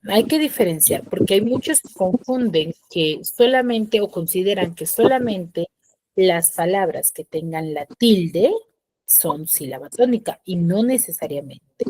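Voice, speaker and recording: A woman's voice: mid-range voice, dark tone, slightly rough, poor audio. Woman teacher on a video call. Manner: explains patiently, repeats key terms, checks with "¿ya?". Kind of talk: online class lecture. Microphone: computer mic on a video call.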